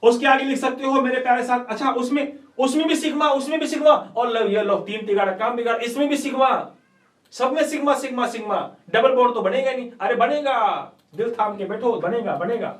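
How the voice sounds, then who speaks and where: A man's voice: very high voice, a little fast. A male chemistry teacher giving an online class lecture, playful and coaxing, quizzing students with rhetorical questions and folksy sayings. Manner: calls students "beta ji", uses folksy sayings. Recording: echoey room, distant mic.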